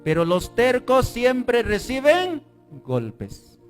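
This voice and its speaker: A male pastor preaching a fervent sermon, breaking into shouts and calling on the congregation to repeat words after him. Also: very high voice, wildly swooping pitch, drawn-out words, faint music behind.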